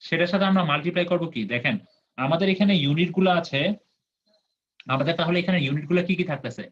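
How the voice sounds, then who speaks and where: A man's voice: fairly high pitch, quick pace, dull audio. A man teaching an online class, his voice cutting in and out over the call as he checks whether students follow. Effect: online call audio cutting in and out. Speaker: engineering teacher.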